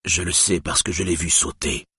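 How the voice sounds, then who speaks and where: Man playing a bitter, anguished storybook cripple, low husky voice. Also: fairly even intonation, moderate pace, bright, forceful tone, no room sound, clean studio sound, full character voice. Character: lame man, bitter, grief-stricken.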